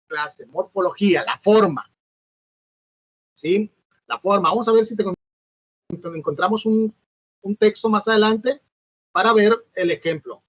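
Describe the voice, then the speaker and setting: Man, high voice, recorded lecture, hesitant with fillers, dull lo-fi dry recording. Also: no echo. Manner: hesitant, fillers and self-corrections, asks "¿no?". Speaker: teacher.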